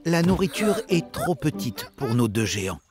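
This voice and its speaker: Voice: mid-range voice, very animated, moderate pace. A narrator of a children's cartoon, telling the story in scripted, explanatory phrases. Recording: music behind the narration.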